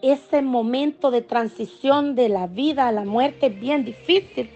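A woman's voice: high voice, a little slow, darkish tone, dull audio. A woman giving an emotional church testimony, earnestly addressing the congregation as brothers and sisters.

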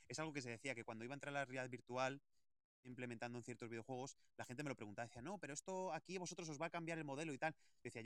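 A man's voice: medium pitch, a bit bright, clean tone, dry recording, studio quality. A man from on a remote esports panel, his voice faint and distant over a poor connection, talking hesitantly with many restarts. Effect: faint, distant voice over a weak online connection. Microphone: computer mic without headset.

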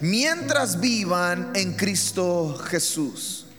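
A man's voice: extremely high pitch, animated, moderate pace, big-room sound. A man preaching a sermon as pastor, emphatic, with rhetorical questions to the congregation.

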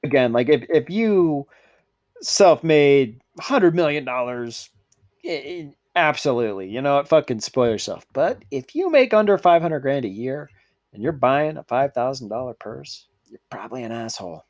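A man's voice: mid-range voice, big pitch swings, normal speed, a little mellow. A man co-hosting a podcast, ranting in casual profane chat and swearing freely. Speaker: podcast co-host.

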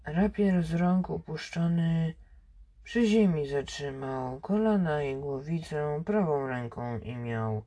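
A slow, deliberate reading of epic verse. The voice is dark and mellow, and the reader often restarts a word mid-line before carrying on. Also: medium pitch, lively intonation. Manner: slow recitation with frequent restarts. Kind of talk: reading epic poetry aloud.

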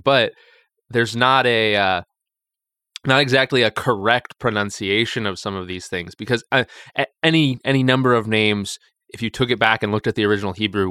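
Crisp-voiced vicar co-hosting a podcast. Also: male voice, on the low side, sharp tone, no echo, studio quality. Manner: thinks aloud with restarts and quick asides, chuckles lightly. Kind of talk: casual Bible study podcast chat.

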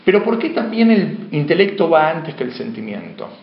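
A man's voice: fairly high pitch, very animated, moderate pace. A male teacher giving a classroom lecture, often asking questions and answering them himself. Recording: muffled echoey classroom.

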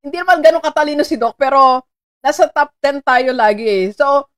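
A Filipino woman hosting a live-streamed motivational talk, chatty and animated, laughing often and greeting viewers by name. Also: high-pitched, brisk. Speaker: motivational host.

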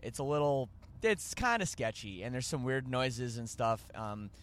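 A man's voice: mid-range voice, very animated, normal speed, fairly bright tone, slight background noise. A man with a Canadian accent hosting a podcast, rambling and joking as he corrects himself. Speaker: podcast host. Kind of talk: casual podcast chat.

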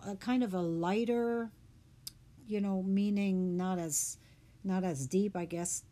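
A woman hosting a reflective talk on the meaning of words, speaking in an unhurried, thoughtful way with fillers. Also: medium pitch, a little mellow.

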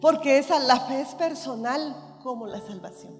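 A woman's voice: sits high, normal speed. A woman preaching a sermon, emphatic and repetitive, with frequent calls of amen. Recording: reverberant hall with faint music.

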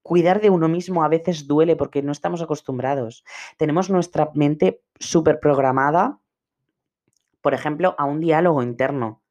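A man's voice: fairly high pitch, normal speed, darkish tone. Earnest man coaching on a podcast. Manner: earnest, repetitive, emphatic. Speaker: personal development coach. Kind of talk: podcast monologue.

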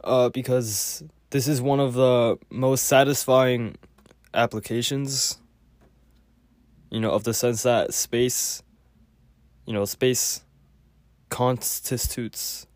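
A man giving a casual spoken lecture with a clogged nose, halting often with fillers and restarts. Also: medium pitch, steady tone, a little mellow, no echo. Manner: halting, many fillers and self-corrections. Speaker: podcast host.

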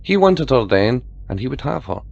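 A male narrator reads a story aloud in a steady storytelling voice at a mid pitch. His voice has a gravelly fry to it. The recording is dull and lo-fi. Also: moderate pace.

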